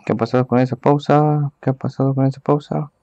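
A man calling a live esports match from home, giving hurried play-by-play and talking to his viewers. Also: mid-range voice, flat delivery, warm tone, dry recording, muffled recording. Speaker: esports caster. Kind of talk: live game commentary.

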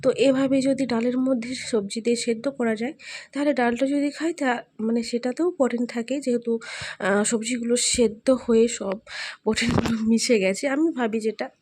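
A young woman with a sore, hoarse throat, chatting casually through her cooking voice-over. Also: on the high side, fairly even intonation, brisk, darkish tone, a little hiss or hum. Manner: rambling, homely, talks to viewers as friends. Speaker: cooking vlogger.

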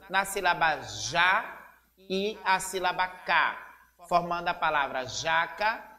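A woman teacher with a Brazilian accent giving a slow, deliberate literacy lesson, spelling out syllables. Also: lowish voice, pushed and bright, big-room sound. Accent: Brazilian Portuguese.

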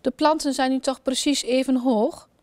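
Footman, calm and businesslike, plain even voice, read by a woman. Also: sits high, moderate pace, no echo, pitched above the performer's own voice, lightly acted. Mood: matter-of-fact. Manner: dry, businesslike. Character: calm, matter-of-fact male footman.

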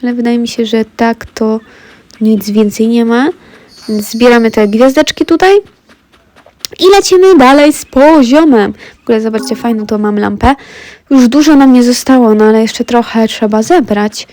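A woman's voice: fairly high pitch, steady tone, moderate pace, warm tone. A woman with a cold and a stuffy throat, chatting to viewers while she plays a game. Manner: chatty, talks straight to viewers. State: congested with a cold. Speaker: let's play gamer. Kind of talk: casual gameplay commentary.

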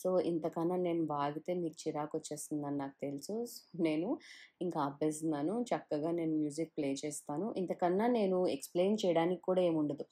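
A woman chatting casually as she films a walking tour outdoors, mixing in English words and pausing with fillers. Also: low-pitched, warm tone. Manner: chatty, mixes English words into her speech, filler "ahh". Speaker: travel vlogger. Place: outdoors along a riverside town walk.

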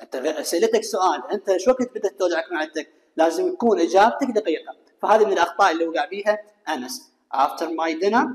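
Iraqi man teaching English, brisk, in a room with a long echo, mid-pitched voice. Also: animated. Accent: Iraqi Arabic. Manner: quick, pointed, counting mistakes aloud. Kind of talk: explaining a textbook dialogue. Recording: reverberant room.

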